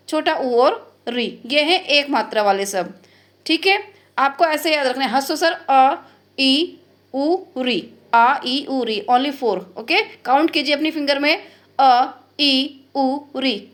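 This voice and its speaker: A woman's voice: sits high, fairly bright tone. A woman teaching a grammar lesson, explaining step by step and often checking in with her students, mixing in phrases. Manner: explains step by step, keeps asking "ठीक है?", drops in English phrases. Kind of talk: classroom-style online lesson.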